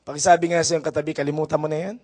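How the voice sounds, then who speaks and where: A male pastor delivers a sermon. He tells stories with a light, playful touch, then builds to loud, fervent exhortation. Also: a little high, flat delivery, racing. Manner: mixes storytelling with rising, forceful exhortation.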